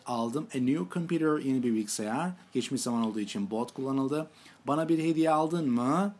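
Guy teaching english verbs, says the examples slow and repeats everything, middle-pitched voice. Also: husky. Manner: slow, deliberate model sentences in English, repeats each form. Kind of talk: language lesson, explaining in Turkish.

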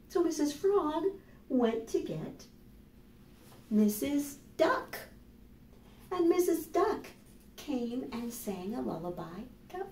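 This storytime host, an American woman in her fifties, speaks on the high side while reading and explaining to young children with animated, deliberate delivery. The camera mic sits a few steps away in a small plain room, so the sound is echoey and distant, with a little hiss or hum.

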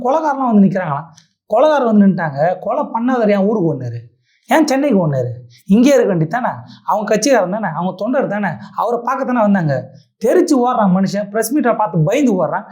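Fast, heated woman ranting. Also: on the high side, a little mellow. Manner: heated, indignant, rhetorical questions. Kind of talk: angry political rant.

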